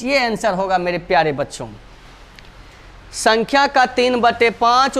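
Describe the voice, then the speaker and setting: A man's voice: very high voice, a bit bright. A male math teacher explaining problems step by step, going over each step twice and often calling his students dear children.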